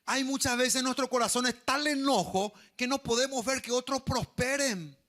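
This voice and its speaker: A man preaching a sermon, animated and questioning the congregation. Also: extremely high pitch, normal speed. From Paraguay. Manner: animated, asks the congregation questions, acts out quoted voices. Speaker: pastor.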